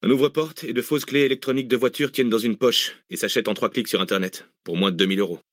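A man's voice: mid-range voice, fast talker, dry recording, studio quality, close to an everyday voice. A man reading an audiobook, voicing a terse, cool-headed fugitive with clipped replies. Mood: curt. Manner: curt, clipped, laconic. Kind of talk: audiobook character voice.

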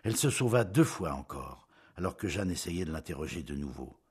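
Husky deep-voiced male narrator. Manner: measured, expressive storytelling. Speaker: audiobook narrator. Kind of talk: literary audiobook narration.

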